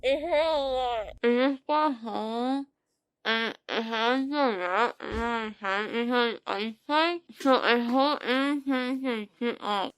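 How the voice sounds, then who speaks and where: Groggy, teary young woman, slow and high. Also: fairly bright tone, clean tone, no echo, poor audio. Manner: halting, stumbling speech with many fillers. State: groggy and tearful after anesthesia. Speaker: vlogger. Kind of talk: groggy after-surgery vlog.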